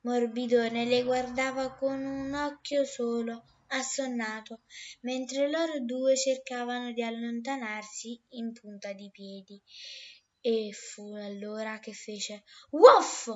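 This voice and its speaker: A woman reading a children's story aloud, gentle and expressive. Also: on the high side, slow pace, muffled recording.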